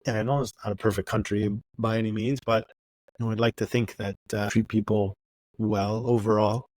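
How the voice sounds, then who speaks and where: A man's voice: lowish voice, little pitch movement, fairly quick, a little mellow, dry recording. Man hosting, encouraging and brief. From Canada. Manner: encouraging, frequent brief affirmations. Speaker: host. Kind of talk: casual interview.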